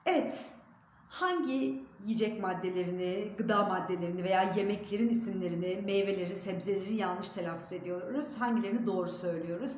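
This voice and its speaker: A woman giving a pronunciation lesson on her channel, speaking clearly and deliberately and stressing contrasting example words. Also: medium pitch, a little mellow, roomy sound, slight background noise. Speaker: diction teacher.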